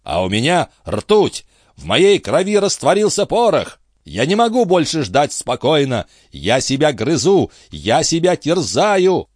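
A man's voice: wildly swooping pitch, unhurried, breathy edge, no room sound, studio quality, exaggerated voice. Man playing a frantic hot-headed old captain. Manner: shouting, agitated, high-pitched outbursts. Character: excitable hot-tempered old male sea captain.

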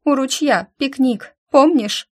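A woman's voice: sits high, slow pace, pitched above the performer's own voice. A woman voicing a panicked, injured teenage girl who is crying and gasping hysterically. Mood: sobbing, panicked.

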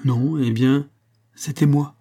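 A man's voice: mid-range voice, fairly even intonation, takes it slowly, dark tone, breathy edge, voice pushed up. A man reading aloud voices a feverish, dying young country woman who speaks earnestly and breathlessly.

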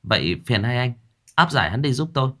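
A man's voice: mid-range voice, big pitch swings, fairly quick, pushed and bright. A man voicing a tough young female police officer who talks in a cold, commanding way.

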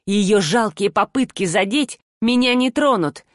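A woman voicing a feisty, sharp-tongued young woman who fiercely defends her friend, in an audiobook. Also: medium pitch, lively intonation, unhurried, no echo, clean studio sound, lightly acted. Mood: taunting. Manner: bold, brash. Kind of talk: audiobook character voice.

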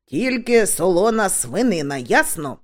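A gruff, suspicious dwarf man grumbles in short, terse lines, played by a woman narrator. His voice sits a little lower and quieter than the narration around it, with a lively, animated pitch. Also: a little slow. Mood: grumbling.

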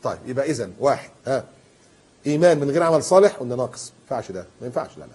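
A middle-aged man with an Egyptian Arabic accent preaching a sermon, dropping to quiet asides and rising loud when he recites verses. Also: mid-range voice, very animated, racing, breathy edge.

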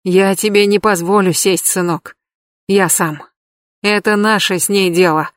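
A woman's voice: mid-range voice, steady tone, a little slow, no room sound, studio quality, natural voice. A woman reading an audiobook, voicing an older man who firmly pleads with his wife. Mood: pleading. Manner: pleading, firm.

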